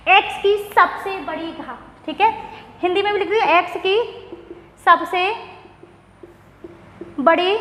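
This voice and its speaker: Woman maths teacher, very high pitch, roomy echo, quizzing the class and answering herself. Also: bright, forceful tone. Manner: questions and answers herself, repeats key words. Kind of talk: classroom lecture. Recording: echoey room with faint noise.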